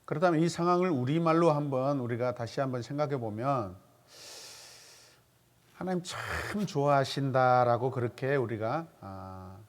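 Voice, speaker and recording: A man leading a church Bible study seminar as pastor. He asks his listeners questions and repeats their answers back to them. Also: medium pitch. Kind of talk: interactive Bible study teaching.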